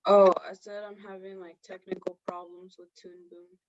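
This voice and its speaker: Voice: medium pitch, flat delivery, normal speed. Student on a choppy, cutting-out call. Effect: choppy audio cutting out. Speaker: student in an online class. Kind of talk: brief answer in class discussion. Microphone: video call. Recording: dull, lo-fi video-call audio, cutting out.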